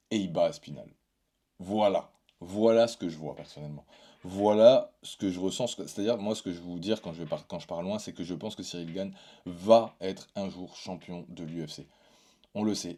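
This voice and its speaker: Low, mellow-voiced man rambling casually. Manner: rambling, hesitant with frequent fillers and restarts; blunt and informal. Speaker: MMA YouTube channel host. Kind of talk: casual solo commentary.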